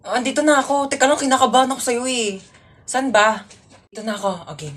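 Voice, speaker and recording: A woman's voice: on the high side, fast, fairly bright tone, slight background noise. A woman performing comedic skits, playfully switching between comic characters. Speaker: comedy skit creator.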